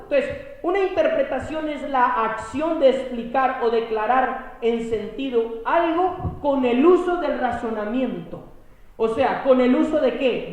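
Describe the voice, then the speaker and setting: A man's voice: high voice, darkish tone. A man giving a Bible teaching for a podcast. He asks rhetorical questions, answers them himself and keeps checking that the listener is following. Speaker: preacher. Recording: very echoey room.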